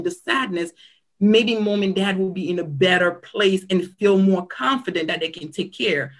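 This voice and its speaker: This nurse practitioner from Cameroon, a woman in her thirties, gives interview answers in a conversational way, earnest and reflective as a storyteller. Her voice sits in the mid range and is a bit bright.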